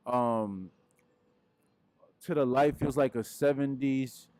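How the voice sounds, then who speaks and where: A laid-back young man from Peru, a musician guest, gives casual interview answers into a handheld mic while standing indoors before a wooden wall. His voice is medium-pitched, slow and a little mellow, with no room sound. He rambles and leans on frequent fillers.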